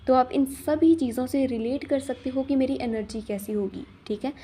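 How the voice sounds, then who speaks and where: A young woman, a coach, telling a personal story in a calm, casual way, often repeating phrases and pausing on fillers. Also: high-pitched, husky. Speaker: manifestation coach.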